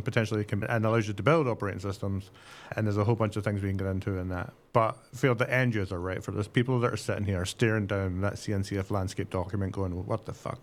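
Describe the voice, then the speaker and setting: Lower-voiced man hosting with wry sarcasm. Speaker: podcast co-host. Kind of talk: scripted intro then casual interview hosting.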